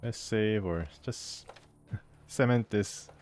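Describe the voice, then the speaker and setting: A gameplay host with a voice on the low side talks very slowly as he plays a role-playing game. He reads its text aloud and muses out loud, sounding amused and chatty in his casual commentary.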